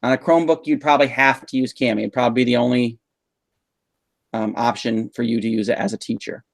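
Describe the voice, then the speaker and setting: A man leads teachers through tech tools on a video call, calm and patient, stopping often with "um." The sound is dry and close, with little room around it. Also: mid-range voice, quick pace, vocal fry, dry recording. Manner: patient, explanatory, frequent um fillers. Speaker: instructional technology trainer. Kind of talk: live online teacher training session. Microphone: video call mic.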